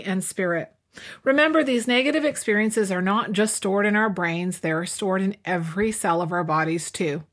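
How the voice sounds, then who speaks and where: A woman's voice: fairly high pitch, a bit bright. A woman who hosts an inspirational radio show and works as a life coach, talking in an upbeat, conversational way. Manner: upbeat, conversational, reads a joke aloud.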